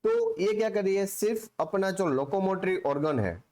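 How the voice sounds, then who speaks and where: A man with a high, animated voice and darkish tone teaches a biology class in Hinglish at a moderate pace. He repeats points frequently, sprinkles in "theek hai", and answers the rhetorical questions he raises.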